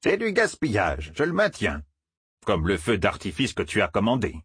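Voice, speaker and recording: A man's voice: on the low side, huge pitch swings, moderate pace, fairly bright tone, slightly rough, dry recording, studio quality, exaggerated voice. A man voicing a stubborn, grumbling old villager, contrary and sour. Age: older.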